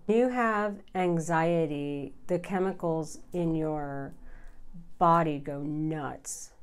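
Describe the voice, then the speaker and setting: A middle-aged woman telling her story candidly to camera, informal and confiding, with deliberate pauses. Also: sits low. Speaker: vlogger. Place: small furnished room indoors.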